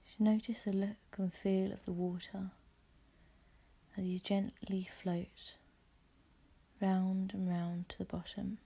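Here a woman talks listeners through a visualisation meditation in a husky, breathy, soft tone at a medium pitch. Each phrase comes out soothing, unhurried and gentle.

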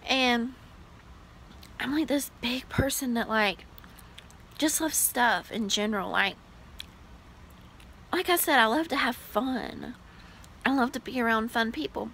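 A woman's voice: fairly high pitch, expressive, a little slow, long pauses, fairly bright tone, slight background noise, rough recording. A woman in her late twenties chatting casually to her vlog viewers, gushing and full of "like" fillers. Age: 20s. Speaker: vlogger. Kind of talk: casual vlog chat to camera.

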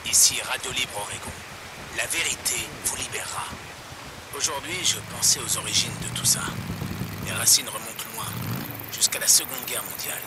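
An actor playing a defiant, conspiracy-minded pirate radio broadcaster in a video game, preaching in a folksy monologue. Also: male voice, mid-range voice, moderate pace, heavy background noise, lightly acted. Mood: preachy, conspiratorial. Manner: preachy, anti-government, folksy.

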